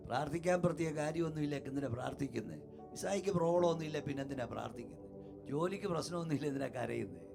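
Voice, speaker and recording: A male pastor preaching a Pentecostal sermon in a church hall, building with repeated rhythmic phrases to shouts and sinking to hushed storytelling. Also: a little high, rapid-fire, vocal fry, over music. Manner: shouts to a climax, then drops to a hushed storytelling voice.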